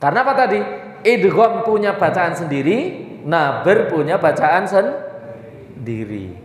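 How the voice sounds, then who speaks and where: A man's voice: sits high, very animated, a little slow. A man teaching Quran recitation rules to a class, reciting short examples and quizzing his students before answering himself. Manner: questioning students often, then answering himself. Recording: echoey hall with long reverb.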